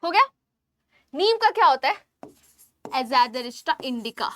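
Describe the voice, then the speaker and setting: A woman teaching biology in an online exam-prep lecture, spelling out terms slowly and checking in with the class while she writes on screen. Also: high-pitched, very animated, pushed and bright.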